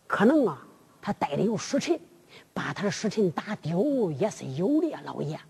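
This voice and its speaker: Storyteller doing a meek clerk, low and hushed, echoey hall. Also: takes it slowly. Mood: deferential. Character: timid male yamen clerk, deferential.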